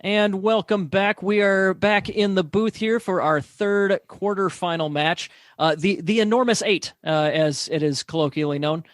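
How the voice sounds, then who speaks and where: High-voiced hesitant mock sports announcer. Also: male voice, measured pace, few pauses, dry recording, studio quality. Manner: hesitant, filler-heavy, deadpan. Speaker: play-by-play announcer.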